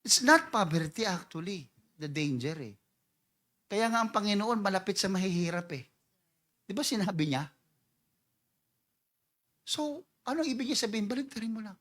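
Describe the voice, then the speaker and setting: High bright-voiced Filipino-style preaching man. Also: lively intonation, moderate pace, long pauses. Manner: mixes Tagalog and English, mimics people's prayers for effect; swings from quiet reading to loud emphatic preaching. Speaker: pastor. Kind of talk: sermon.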